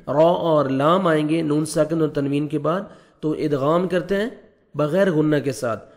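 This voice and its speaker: A man with a Pakistani Urdu accent teaching Quran recitation rules, patiently explaining step by step and chanting verses slowly. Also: fairly high pitch, a little mellow.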